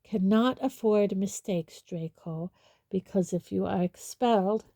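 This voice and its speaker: A woman's voice: mid-range voice, unhurried, vocal fry, mellow, no room sound, clean studio sound. A woman voicing a cold, stern male teacher who speaks curtly. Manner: curt, cold.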